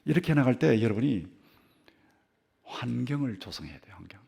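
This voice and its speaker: A man's voice: mid-range voice, moderate pace, vocal fry, husky. An older man preaching a sermon as a church pastor, telling a story with repeated phrases and sudden rises and drops in his voice. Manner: animated storytelling with repeated phrases, voice rising and dropping sharply. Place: church sanctuary.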